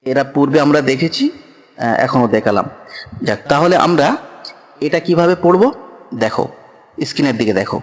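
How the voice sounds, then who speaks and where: A man's voice: medium pitch, lively intonation, normal speed, long pauses, big-room sound. A man teaching Quran reading, patiently spelling out each letter and syllable aloud. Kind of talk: slow spelling-out lesson.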